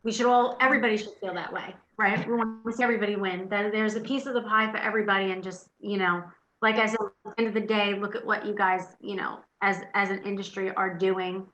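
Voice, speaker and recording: A woman's voice: medium pitch, fairly even intonation, fast, a bit bright, reverberant. A woman hosting a webinar interview over a video call, effusive and thankful toward her guest. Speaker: webinar host. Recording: dull lo-fi call audio with faint noise.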